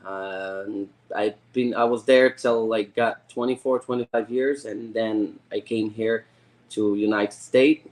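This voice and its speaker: Halting, eager man from Morocco. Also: fairly low pitch, steady tone, a little mellow. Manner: halting, repeats words, eager. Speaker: guest. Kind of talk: casual interview.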